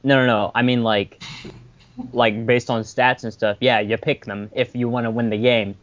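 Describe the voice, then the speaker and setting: A man's voice: mid-range voice, little pitch movement, moderate pace, highs cut off. Joking man agreeing in dry asides. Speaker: podcast co-host. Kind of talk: casual chat. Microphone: video call.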